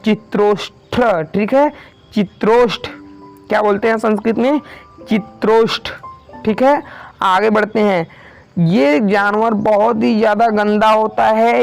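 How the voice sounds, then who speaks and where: A man's voice: high voice, vocal fry, rough recording. A man teaching an online vocabulary lesson, saying each word twice and asking his viewers to repeat it back.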